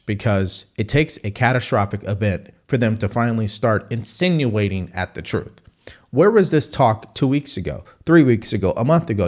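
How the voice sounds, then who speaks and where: Male political commentator, lower register, casual but combative, scornful and emphatic. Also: darkish tone. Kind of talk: casual opinion commentary over news clips.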